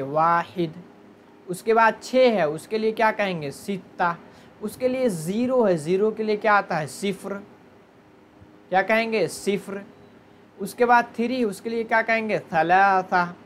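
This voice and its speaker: A woman's voice: medium pitch, slight background noise. A woman teaching an online Arabic grammar class, explaining step by step and asking and answering her own questions.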